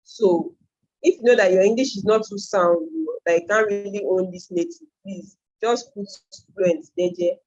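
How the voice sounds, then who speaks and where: Animated and creaky, a woman's medium-pitched, darkish voice comes through a muffled recording at a moderate pace. She is a Nigerian-accented online freelancing trainer and native Yoruba speaker, giving a casual step-by-step tutorial while explaining and thinking aloud.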